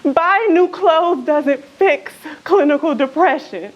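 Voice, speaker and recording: A woman's voice: high voice, slow. A woman playing a depressed young woman who talks bluntly and dryly. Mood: weary. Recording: dull lo-fi sound.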